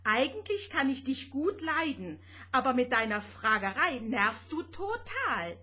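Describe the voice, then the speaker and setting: Woman playing a gruff little spaceship boy. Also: high voice, sing-song, unhurried, pushed and bright, voice pushed up, full character voice. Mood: grumpy. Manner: gruff, snappish.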